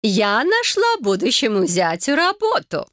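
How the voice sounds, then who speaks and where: A woman's voice: lowish voice, big pitch swings, normal speed, dry recording, clean studio sound. A woman voicing a bossy, effusive mother who talks over everyone in an audiobook. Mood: gushing. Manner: effusive, steamrolling, chatters on. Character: gushing bossy mother planning a wedding. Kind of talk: audiobook character voice.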